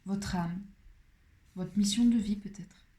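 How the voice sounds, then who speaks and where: Woman, mellow and warm, casual tarot reader, playful with whispered asides. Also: mid-range voice, slow pace. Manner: chatty and playful, drops into soft whispered asides. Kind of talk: casual card-reading guidance.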